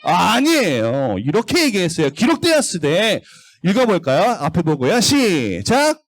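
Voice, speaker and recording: A man's voice: sits high, wildly swooping pitch, unhurried, no room sound. A man giving a children's sermon at a church service, asking the young listeners questions and leading them to read along. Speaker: children's pastor.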